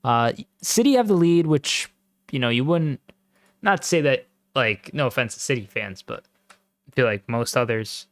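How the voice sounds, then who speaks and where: A man casually commenting on a football match live for his stream, slangy and excitable, breaking into loud exclamations at big moments. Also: mid-range voice, dry recording.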